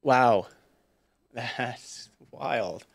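A man reacting with excited, incredulous exclamations while livestreaming as a pianist. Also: mid-range voice, drawn-out words, vocal fry. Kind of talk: live-stream reaction chat.

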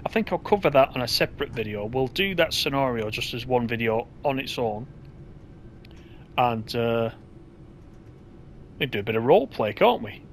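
A man's voice: medium pitch, animated, normal speed, pauses often, a little hiss or hum. A man giving casual, chatty gameplay commentary as he drives a train, thinking aloud in an easygoing way.

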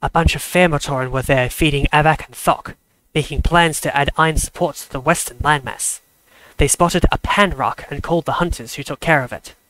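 A man's voice: fairly high pitch, fairly quick, pushed and bright, dry recording, rough recording. A man voicing a stern, matter-of-fact law enforcer in a fan storybook reading. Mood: reporting.

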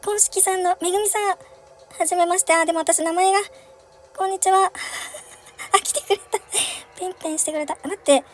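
A woman's voice: very high-pitched, fairly even intonation, a little fast, pauses often, faint music behind. A young woman commentating a horror chase game, giggling often and shrieking when chased. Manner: giggly, frequent laughter, shrieks in panic. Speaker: game streamer. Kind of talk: let's-play commentary.

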